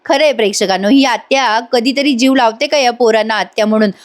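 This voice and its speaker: A woman's voice: a little high, brisk. A woman narrating a voice-over review, chatty and opinionated as she retells a TV serial episode.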